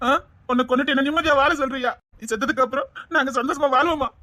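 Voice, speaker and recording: Actress as pleading young woman, Tirunelveli Tamil accent, tearful, high voice, dry sound. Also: fairly even intonation, quick pace, fairly bright tone, dry recording. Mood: begging. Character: young woman desperately begging her friend to live.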